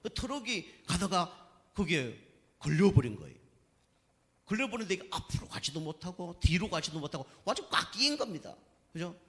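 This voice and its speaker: A man preaching a Sunday sermon in a church where the sound rings on with a long reverb. His voice sits fairly high and rises and falls in lively swings. He tells folksy stories and keeps asking the congregation for agreement. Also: brisk. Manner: folksy, storytelling, asks the congregation for agreement again and again. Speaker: pastor. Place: church sanctuary.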